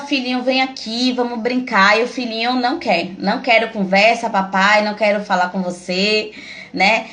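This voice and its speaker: A woman giving a conversational devotional talk on a live stream, with frequent fillers and restarts, acting out quoted speech. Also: fairly high pitch. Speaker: preacher.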